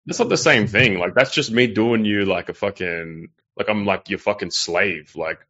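Reading viewer super chats at a normal speed, a livestream host speaks in a lowish, bright voice with a forceful tone. The chat is casual and meandering, heavy on profanity and filler, and the audio is a little muffled.

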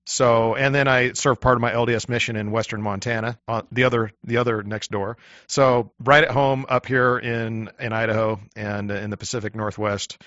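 A man's voice: medium pitch, fairly even intonation, normal speed, fairly bright tone, no room sound. A man in his forties from Washington State, a guest talking in casual conversation with many fillers. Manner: chatty, many "you know" fillers. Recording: dull, dry lo-fi sound.

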